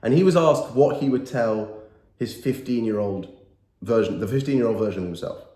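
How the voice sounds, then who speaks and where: The speaker is a man in his thirties who makes motivational YouTube videos, using a fairly low, dark-toned voice at a moderate pace. A cold leaves him nasal, yet he addresses the camera earnestly and emphatically, repeating key lines, in an echoey room.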